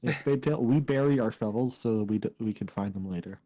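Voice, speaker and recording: A tabletop game player speaking in a matter-of-fact, deadpan way. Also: medium pitch, fairly quick. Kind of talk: casual table chat.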